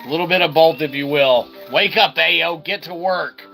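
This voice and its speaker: A man with a slightly high, gravelly voice speaks at a moderate pace in casual let's-play commentary, rambling as a game streamer and peppering it with "okay" and "all right." Loud video game music runs behind his voice.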